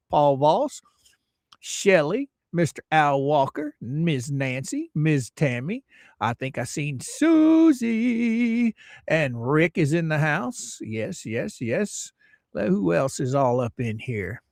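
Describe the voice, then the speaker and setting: A man's voice: on the high side, no echo, studio quality. A man from the United States hosting a casual livestream, greeting viewers by name and rambling through opinionated asides. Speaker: livestream host.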